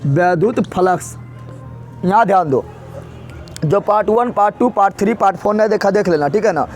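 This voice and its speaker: Guy teaching physics, pretty high voice, keeps going "kya bolenge?" over and over, faint music behind. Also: quick pace, darkish tone. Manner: repetitive call-and-response questioning. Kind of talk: classroom lecture.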